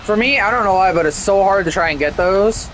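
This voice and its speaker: A man's voice: high voice, a little fast, fairly bright tone, soft background music. A young man casually commenting while playing a flight game, rambling and chatty with frequent restarts. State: hiccups. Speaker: gameplay streamer.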